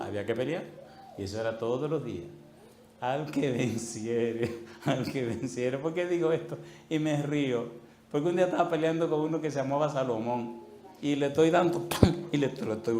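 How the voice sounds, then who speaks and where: A male pastor preaching a sermon, telling an animated story and acting out the voices in it. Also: mid-range voice, slight background noise. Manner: animated, acts out voices in anecdotes. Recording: echoey room.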